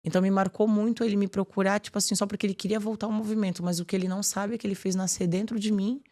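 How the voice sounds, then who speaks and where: An animated woman speaking as a podcast guest, chatty and heartfelt. Her voice sits in a medium register. She keeps circling back with casual filler phrases as she explains. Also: medium pitch, rapid-fire. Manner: animated, fills speech with "tipo assim". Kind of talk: casual faith conversation.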